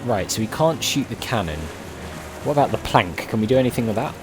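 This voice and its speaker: A man's voice: medium pitch, animated, fast. A man hosting a let's play, musing aloud and asking questions in casual game commentary. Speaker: gamer, let's play host. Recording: game music behind.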